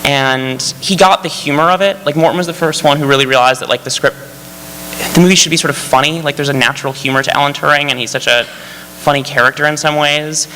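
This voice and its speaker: A male screenwriter talks eagerly on a festival panel and rambles through fillers and restarts. His voice is bright and forward. A long hall reverb and a faint hum surround him. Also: a little high, fairly even intonation, fast. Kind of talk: panel discussion.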